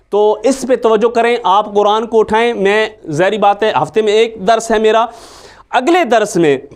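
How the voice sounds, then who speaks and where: Guy with a pretty high voice teaching quran recitation, says the sounds over and over. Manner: patient, repeats sounds to demonstrate. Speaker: religious teacher.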